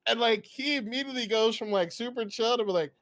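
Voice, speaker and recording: A young man with a high, bright, ringing voice tells stories in a loose podcast chat. He laughs often and slips into the voices of the people he quotes. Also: fast. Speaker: podcast host. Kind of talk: casual storytelling chat.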